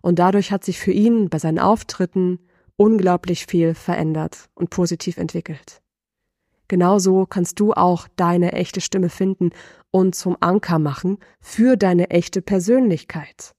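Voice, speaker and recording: A middle-aged woman voice coach giving a lesson, asking the listener slow, deliberate reflective questions. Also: lowish voice, mellow, no room sound, clean studio sound.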